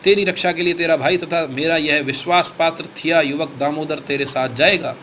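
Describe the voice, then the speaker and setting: A man's voice: fairly high pitch, moderate pace, bright, forceful tone, slight background noise. A man voicing an anxious, protective older Brahmin father who speaks urgently in a storybook reading. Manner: urgent, pleading.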